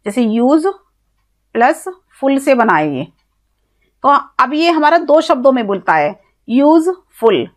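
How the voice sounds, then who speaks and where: A woman with an Indian accent teaching an English grammar lesson, explaining step by step, spelling words out letter by letter, and asking questions that she then answers herself. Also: fairly high pitch. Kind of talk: classroom-style grammar lesson.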